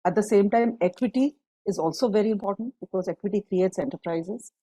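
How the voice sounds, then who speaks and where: A woman's voice: mid-range voice, brisk, mellow, no echo, low-quality recording. A woman, a guest on a panel discussion, speaking fluently and laying out her points in long lists. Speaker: guest panelist, climate fund partner.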